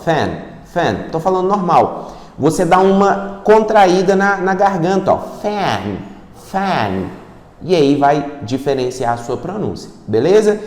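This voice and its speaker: A man with a Brazilian Portuguese accent teaches an online English lesson in a relaxed, chatty manner and keeps checking in with his listeners. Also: on the high side, echoey room, in a large hall.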